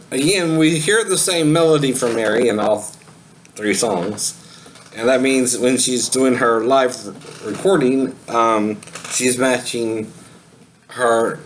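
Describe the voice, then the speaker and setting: This singing teacher talks through an informal lesson, wandering off topic, laughing a lot and checking in with "right?" again and again. His voice sits at medium pitch, and the poor recording carries a slight hiss or hum.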